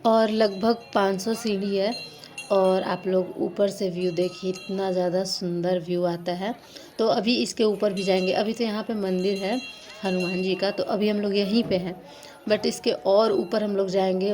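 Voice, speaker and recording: A woman's voice: medium pitch, steady tone, normal speed, darkish tone, soft background music. A young adult woman narrating a casual vlog in a chatty, rambling way with lots of fillers. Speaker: vlogger.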